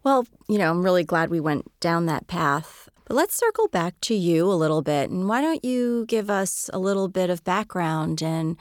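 A woman's voice: on the low side, expressive, normal speed, few pauses, dry recording, studio quality. A woman attorney hosting an interview, chatty and asking questions with friendly asides. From United States. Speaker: attorney, podcast host. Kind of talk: conversational interview.

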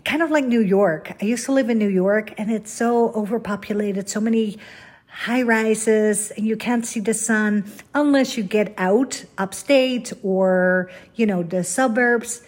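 A woman's voice: mid-range voice, unhurried, darkish tone. A middle-aged woman from the Netherlands, hosting a podcast in a candid, rambling, self-deprecating solo monologue. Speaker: podcast host.

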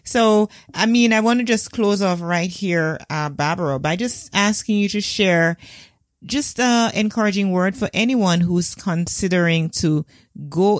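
A woman hosting a podcast interview, speaking in a measured, friendly way. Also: on the low side, no echo, studio quality. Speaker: podcast host.

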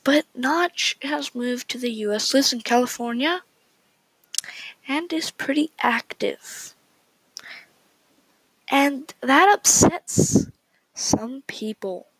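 A woman hosts a solo podcast and talks in a slow, unhurried way. Her voice sits fairly high and she is opinionated and chatty, often restarting her sentences. The recording is close and dry, with no room sound. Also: a bit bright, breathy edge, no room sound, poor audio. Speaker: podcast host. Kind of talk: casual solo podcast talk.

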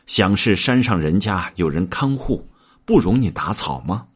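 A man's voice: low voice, lively intonation, unhurried, husky, full character voice. A man voicing a mild, trusting old master monk in a told story. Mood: concerned.

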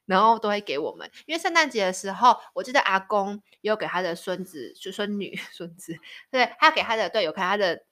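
A woman's voice: medium pitch, expressive, fairly quick, pushed and bright. A woman in her thirties from Taiwan with a Taiwanese Mandarin accent, hosting a casual storytelling chat. She laughs often and acts out the voices of people in her stories. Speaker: podcast host.

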